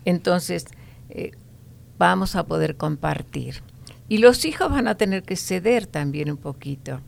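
Deep gravelly older woman. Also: lively intonation. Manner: measured, explanatory, many fillers. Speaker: host.

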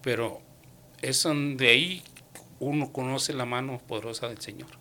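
Speaking a little slowly at a medium pitch, a man gives a personal faith testimony. He acts out past conversations with lively dialogue and slips English words into his speech.

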